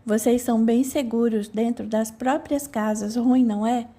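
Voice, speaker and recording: Death as a dapper, sarcastic gentleman in an audiobook, put on by a woman reader. The voice sits fairly high yet sounds mellow, and each line is laced with teasing. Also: fairly even intonation, normal speed. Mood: mocking. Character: Death as an elegant, mocking gentleman. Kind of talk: audiobook character reading.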